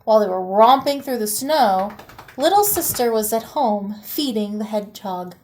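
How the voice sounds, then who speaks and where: A teacher, a woman with a medium-pitched voice, reads a children's picture book aloud at a moderate pace, bringing it to life with expressive, animated storytelling.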